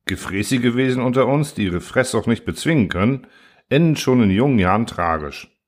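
A man reading a first-person science fiction story aloud in a calm, even storytelling manner. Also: medium pitch, normal speed. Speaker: audiobook narrator.

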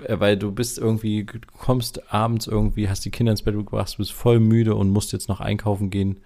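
A man's voice: lowish voice, level tone, fairly quick, mellow. A man in his thirties co-hosting a podcast, chatting casually and thinking aloud with many hesitations. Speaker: podcast co-host. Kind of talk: casual chat.

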